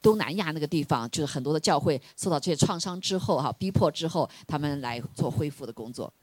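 Low-voiced woman interpreting a sermon. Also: expressive, slightly rough. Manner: quick interpreting with fillers and soft laughs. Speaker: pastor and interpreter.

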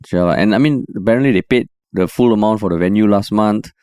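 A man's voice: fairly low pitch, fast, a little mellow, clean tone, no room sound, studio quality. A man with a Singaporean accent chatting casually as a podcast co-host, using Singlish slang.

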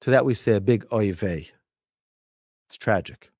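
A man teaching religion like a rabbi, telling stories emphatically with rhetorical questions and deliberate repetition. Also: lowish voice, darkish tone, slightly rough, no room sound, studio quality. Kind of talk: lively religious lecture with storytelling.

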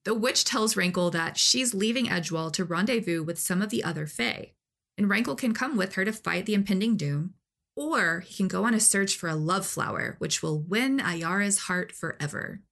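A woman's voice: medium pitch, animated, normal speed, vocal fry, fairly bright tone. A woman co-hosting a podcast, recapping a story in casual chat and laughing often. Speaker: podcast co-host.

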